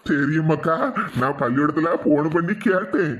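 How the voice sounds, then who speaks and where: A man's voice: on the high side, moderate pace, a little hiss or hum, lightly acted. A man voicing a weepy, affectionate old village grandfather with a Kanyakumari Tamil accent in a cartoon. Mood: fond.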